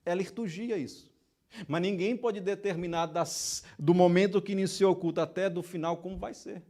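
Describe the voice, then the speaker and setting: A man preaching a sermon, fervent, voicing heartfelt prayers and swinging between hushed and loud delivery. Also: high voice, steady tone, moderate pace. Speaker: church elder preaching.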